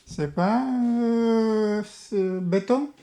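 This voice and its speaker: Parisian french accent woman, kinda low mellow voice, slow and teasing, just chatting. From France. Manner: playful, teasing. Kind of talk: casual teasing chat.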